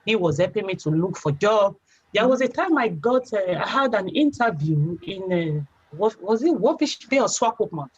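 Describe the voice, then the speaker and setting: A woman's voice: medium pitch, lively intonation, moderate pace, slightly rough. Chatty Nigerian woman, dull lo-fi sound. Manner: chatty storyteller, leans on "you know". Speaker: guest. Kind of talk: casual interview.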